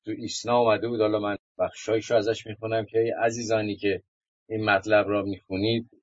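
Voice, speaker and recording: A man's voice: fairly low pitch, flat delivery. A man hosting a talk radio program, speaking earnestly and reading listener-submitted text aloud. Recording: muffled radio broadcast.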